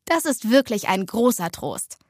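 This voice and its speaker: A woman's voice: fairly high pitch, sing-song, a little slow, no room sound, studio quality. A woman voicing a good-natured teenage girl who rides horses, sounding earnest and easily surprised. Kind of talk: storybook dialogue.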